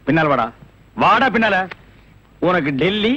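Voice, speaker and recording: An actor playing a sharp-tongued, bossy middle-aged man who mocks and scolds his sidekick, in film comedy dialogue. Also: sits high, lively intonation, breathy edge, heavily acted. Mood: scolding. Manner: sarcastic, scolding, quick comebacks. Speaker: comic lead in a film scene. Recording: lo-fi old film soundtrack.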